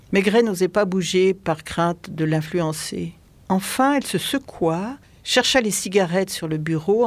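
Calm audiobook reader, dry sound. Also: mid-range voice, no room sound. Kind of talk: literary narration. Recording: dry close recording.

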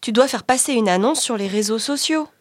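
A man's voice: extremely high pitch, a little fast, no room sound, clean studio sound, pitched above the performer's own voice. A man voicing a cheerful, helpful young girl, the granddaughter in a read-aloud story, sounding upbeat and reassuring.

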